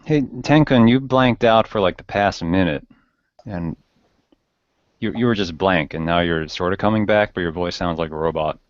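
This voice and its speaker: A man with a very low voice chats in a laid-back, joking way during an online group discussion. The dull, lo-fi sound of the call colors his voice. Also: normal speed, dry recording. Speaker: panelist. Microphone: video call.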